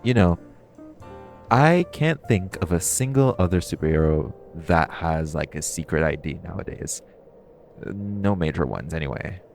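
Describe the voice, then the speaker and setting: With clear music in the background, a low-voiced male supervillain flirts with and needles the listener, sounding cocky and curious. The man performing him uses an exaggerated, slightly mellow voice with lively intonation, casual phrasing and playful pauses in this intimate audio roleplay.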